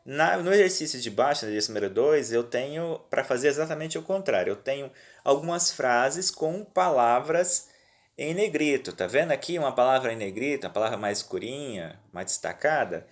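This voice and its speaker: A man's voice: medium pitch, animated, fairly quick. Patient male teacher with a Brazilian accent. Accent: Brazilian Portuguese. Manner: patient, reassuring, checks in often. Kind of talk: remote lesson walking through worksheets. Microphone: phone.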